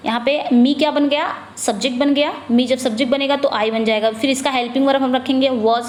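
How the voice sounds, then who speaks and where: High-voiced Indian woman tutoring in an echoey room. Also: steady tone, a little hiss or hum. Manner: asks and answers her own questions; reads questions slowly, drops low on answers. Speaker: English exam tutor. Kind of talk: exam-prep lesson in Hindi-English mix.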